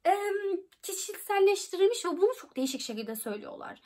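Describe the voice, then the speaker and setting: High-voiced young woman vlogging casually. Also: very animated, fast talker, a little mellow. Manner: chatty, corrects herself mid-sentence. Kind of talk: casual Q&A vlog.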